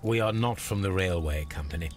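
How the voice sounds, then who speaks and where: A man's voice: low voice, fairly quick, a little hiss or hum, close to an everyday voice. An actor playing a composed male detective who questions witnesses politely and formally in a video game. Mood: calm inquiry. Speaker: investigator.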